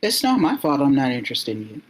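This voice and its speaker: A woman voicing a composed female vampire who questions calmly and pointedly. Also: extremely low pitch, fast talker, full character voice, low-quality recording. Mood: cool.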